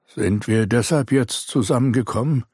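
A man's voice: medium pitch, moderate pace, darkish tone, breathy edge, no echo, clean studio sound, pitched above the performer's own voice, lightly acted. A man voicing a weary, grave older knight commander in an audiobook reading.

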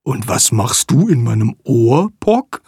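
A reader voicing a gentle, bewildered male shelter dog in a children's story, puzzled and soft-spoken. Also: mid-range voice, sing-song, takes it slowly, husky, no room sound, studio quality, full character voice. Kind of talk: storybook character voice.

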